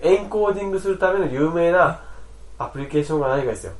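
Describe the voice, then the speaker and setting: A man chatting casually on a podcast, teasing his co-host and patiently explaining software. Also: fairly high pitch, rapid-fire, echoey room, rough recording. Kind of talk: casual chat.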